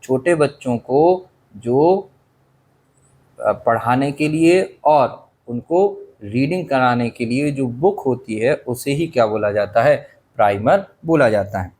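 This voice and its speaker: A male teacher explaining an English chapter in a lesson, pausing to ask his class rhetorical questions and coughing now and then. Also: medium pitch, lively intonation, a little mellow, husky. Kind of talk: Hindi-medium English literature lesson.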